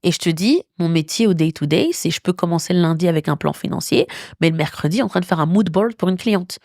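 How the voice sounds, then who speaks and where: Woman in her thirties, from Belgium, lively and laughing. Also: fairly low pitch, quick pace, no echo, clean studio sound. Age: 30s. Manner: animated, laughs often, mixes in English phrases. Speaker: entrepreneur guest. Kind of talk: casual interview conversation.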